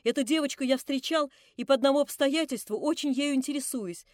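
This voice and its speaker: A woman's voice: sits high, brisk, a little mellow, no room sound, clean studio sound, lightly acted. A woman voicing an earnest indignant young man. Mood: earnest pleading. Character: indignant young male narrator-hero.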